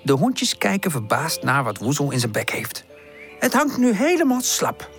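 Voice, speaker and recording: A woman narrating a children's audiobook with expressive storytelling. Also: low voice, normal speed, faint music behind.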